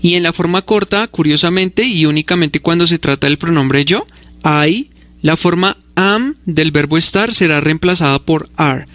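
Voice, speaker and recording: A man narrating a scripted English grammar lesson, explaining rules clearly and spelling out letters one by one. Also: on the high side, normal speed, a bit bright, dry recording, lo-fi sound. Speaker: English teacher.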